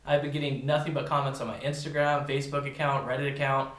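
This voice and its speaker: A man's voice: mid-range voice, flat delivery, quick pace, fairly bright tone, echoey room. A man giving a casual, informal product review, talking directly to his viewers. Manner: informal, addresses viewers as "you guys".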